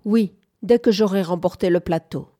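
A woman's voice: medium pitch, normal speed, warm tone, natural voice. A woman reading aloud, voicing a curt, moody young farm woman with a terse, sullen manner.

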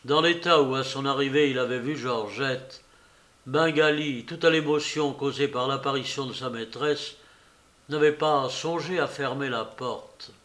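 A man reading a novel aloud in a measured, expressive way. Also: medium pitch. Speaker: audiobook narrator.

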